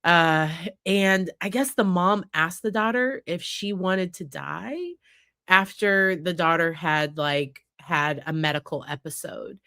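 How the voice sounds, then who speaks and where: Congested and nasal from a head cold, this psychologist host chats through news cases in a casual commentary, leaning on plenty of fillers. Her voice sits on the low side, slow, pushed and bright, with a clear, resonant tone. The studio sound is clean with no echo.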